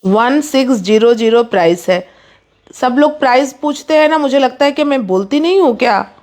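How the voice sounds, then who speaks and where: A woman hosting a live saree sale, urging viewers to book fast in quick, pushy patter mixed with English. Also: sits high, animated, a little mellow. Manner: rapid, pushy sales patter, mixing English in. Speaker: online saree seller. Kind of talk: live sales stream.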